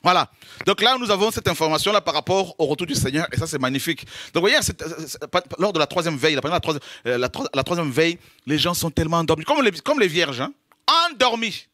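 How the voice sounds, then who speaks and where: A male preacher from the French Caribbean gives a loose, conversational sermon in a fairly high, bright, forceful voice. He jokes, laughs, keeps checking in with his listeners and slips into small acted-out scenes. The sound is dry and close. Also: expressive, fast talker, no room sound. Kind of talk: informal sermon teaching.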